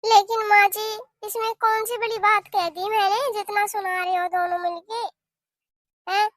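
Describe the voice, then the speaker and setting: A woman's voice: very high-pitched, steady tone, a little slow, very noisy. A woman voicing a young new mother in a cartoon who is recovering at home and pleads for help in a plaintive way. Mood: defensive. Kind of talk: cartoon voice acting.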